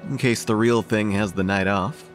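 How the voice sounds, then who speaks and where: An actor playing a playful, steady young boyfriend in an audio horror drama, teasing and easygoing. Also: male voice, fairly low pitch, normal speed, natural voice. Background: music.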